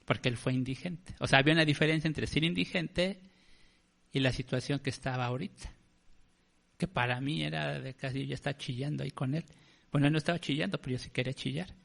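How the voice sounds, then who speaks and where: A Mexican man preaching with a rough, gravelly edge to his mid-pitched voice. He tells the story in a relaxed, chatty way, like he is talking to a friend. He keeps calling the congregation "brother". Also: fast. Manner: conversational, addresses listeners as brother. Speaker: pastor. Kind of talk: storytelling sermon.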